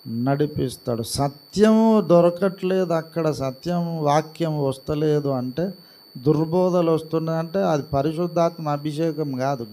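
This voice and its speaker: Slow, soft-spoken male Telugu preacher. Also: on the high side. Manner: calm and unhurried, talks gently rather than shouting. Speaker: pastor.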